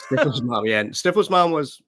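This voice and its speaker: A man in his late thirties with a hoarse, worn-out voice, chatting casually as a musician guest in an interview. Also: mid-range voice, lively intonation, normal speed, a bit bright, no echo. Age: late 30s. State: voice worn out from gigging.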